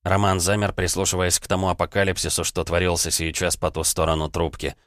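A man reading a fantasy novel aloud as an audiobook narrator, calm and even. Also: low voice, fast, dry recording, studio quality. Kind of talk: scripted narration.

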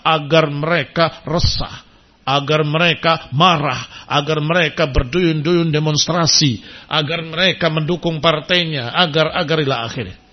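Man, preacher, religious lecture, emphatic, husky, muffled lo-fi recording. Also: a little high. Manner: emphatic, rising to forceful preaching.

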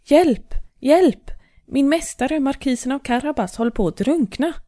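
A woman's voice: mid-range voice, lively intonation, dark tone, no echo, studio quality, close to an everyday voice. A woman playing a sly purring cat. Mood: urgent. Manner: purring, smooth and persuasive. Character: clever scheming male cat in boots.

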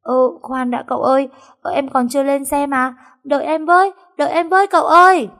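A woman voicing a cheeky, dramatic young maid girl in a storybook reading, high-pitched and pleading. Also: very animated, brisk. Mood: whiny pleading.

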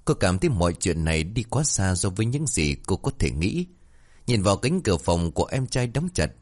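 A man narrating a dramatic ghost story in an expressive storytelling style. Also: sits low.

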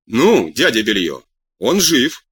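A man voicing an eager, excitable young man who tells his news breathlessly and humbly. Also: medium pitch, takes it slowly, husky, full character voice. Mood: excited.

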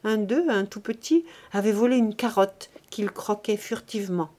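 This is a measured, expressive audiobook reading of a classic novel. The narrator is a woman whose voice sits in the middle range.

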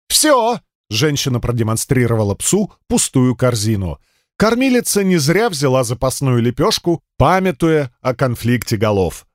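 A man narrating an audiobook in a scripted, expressive and ironic storytelling manner. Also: medium pitch, dry recording. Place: recording studio. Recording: dry studio audiobook recording.

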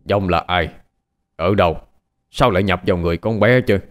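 A man's voice: low voice, a little fast, natural voice. A man playing a stern old exorcist. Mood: grave. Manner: stern, grave.

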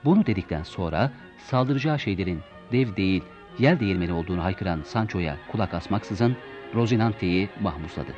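A man's voice: sits low, expressive, a little fast. A man reading a classic tale aloud as narrator, acting out the characters' lines. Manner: acts out the dialogue with raised, shouting lines. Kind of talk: storybook reading with voiced dialogue. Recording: dull lo-fi recording with soft music.

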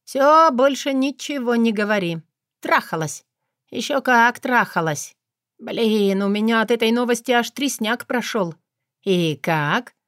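A woman voicing a blunt, teasing young woman friend who is hungover and whiny, with a hoarse voice, in an audiobook. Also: on the high side, animated, a little slow, a bit bright, dry recording, clean studio sound. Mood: crude teasing. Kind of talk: audiobook character voice.

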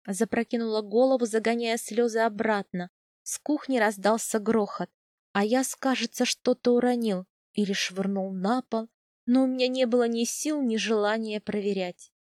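A woman narrating a novel in the first person, measured and softening on quiet lines. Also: on the high side, no room sound, studio quality. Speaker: audiobook narrator.

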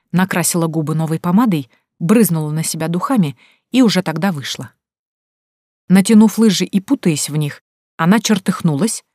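A woman narrates a story in the first person, measured and expressive. Her voice sits fairly low, and the recording is dry and close with no room sound. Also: no room sound. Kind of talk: audiobook narration.

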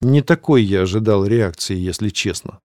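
A man reading a fantasy novel aloud as scripted narration, in a measured, steady way. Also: on the low side, no echo, clean studio sound. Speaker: audiobook reader.

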